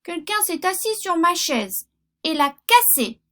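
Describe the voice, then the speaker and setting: A woman voicing a tiny little bear cub in a storybook reading, in a high, squeaky voice. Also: very animated, unhurried, fairly bright tone, heavily acted. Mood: upset.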